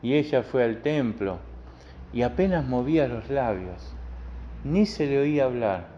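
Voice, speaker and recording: A man's voice: mid-range voice, lively intonation, unhurried, mellow, slight background noise. A male pastor with a Rioplatense accent giving a sermon in a plain, conversational way, often repeating phrases. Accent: Rioplatense Spanish. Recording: dull lo-fi recording with faint ambience.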